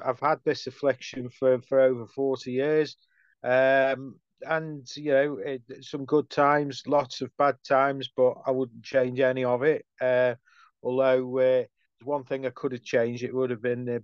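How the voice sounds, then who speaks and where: A middle-aged man with a Stoke accent chatting casually as an interview guest, speaking haltingly and repeating words, on slightly dull audio. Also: mid-range voice, flat delivery, smooth, no echo. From Stoke, England. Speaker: podcast guest, football writer.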